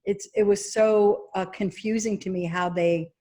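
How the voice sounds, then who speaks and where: Animated casting director woman, New York accent. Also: medium pitch, measured pace. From Egypt. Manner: animated, laughs often, quotes herself. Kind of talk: casual interview chat.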